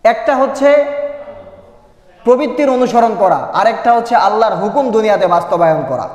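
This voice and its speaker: An older man preaching a sermon, asking the crowd rhetorical questions and chanting verses in a slow melody. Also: high-pitched. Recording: echoey hall, sound from a distance.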